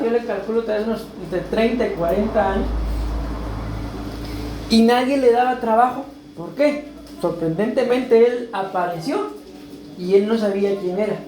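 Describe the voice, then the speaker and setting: A man preaching a sermon as pastor, talking in a conversational way and often checking in with his listeners. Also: high-pitched. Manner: conversational preaching, keeps asking "¿verdad?". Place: church hall. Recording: echoey church room, faint background noise.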